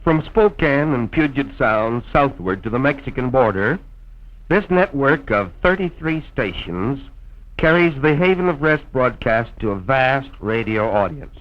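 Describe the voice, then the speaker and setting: In the formal, scripted style of mid-century radio, a man narrates and announces in an expressive, mid-range voice at an unhurried pace. The sound has the dull, lo-fi quality of an old film soundtrack.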